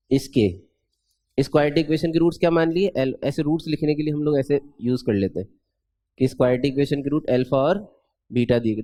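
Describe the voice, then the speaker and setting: A man teaching math in a chatty, playful classroom lecture, quizzing students with rhetorical questions and stretching out formulas slowly. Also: on the high side, warm tone, no room sound.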